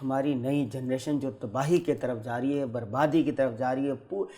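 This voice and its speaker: A man's voice: medium pitch, mellow. A man hosting a podcast, murmuring agreement and putting earnest questions to his guest. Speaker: podcast host. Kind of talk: interviewing, brief affirmations.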